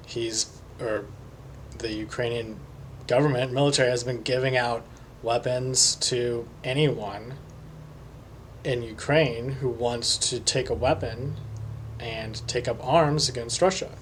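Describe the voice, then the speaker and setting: A man talking alone as a psychic reader, slowly and hesitantly, with many pauses and fillers. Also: mid-range voice, slight background noise. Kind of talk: solo monologue.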